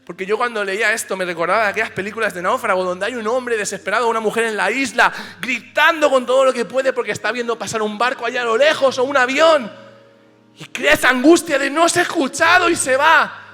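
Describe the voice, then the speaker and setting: Bright, high-voiced man preaching. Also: quick pace. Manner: passionate, swings from hushed to shouting. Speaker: pastor. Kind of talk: sermon. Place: church auditorium. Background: soft piano.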